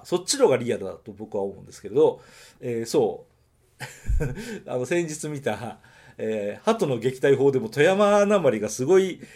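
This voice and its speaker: With a darkish, mid-range voice, this Nagoya-based podcast host talks casually through a film on his own, fixing his own wording as he works out his thoughts aloud.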